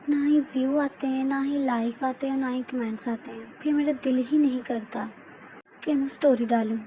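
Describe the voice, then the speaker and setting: High-voiced woman storyteller chatting. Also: mellow, lo-fi sound, a little hiss or hum. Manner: complaining, plain-spoken. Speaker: storyteller and fan dubber. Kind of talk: casual talk to viewers.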